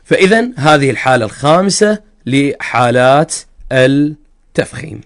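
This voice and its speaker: A man's voice: medium pitch, animated, normal speed. A man with an Iraqi accent teaching the rules of Quran recitation, explaining step by step and drawing out the example sounds. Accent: Iraqi Arabic. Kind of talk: religious lesson on recitation rules.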